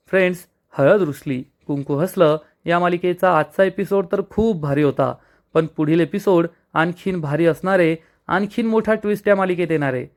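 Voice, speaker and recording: Excited man recapping a soap episode. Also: fairly high pitch. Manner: excited storytelling. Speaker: tv serial reviewer. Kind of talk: casual episode recap narration.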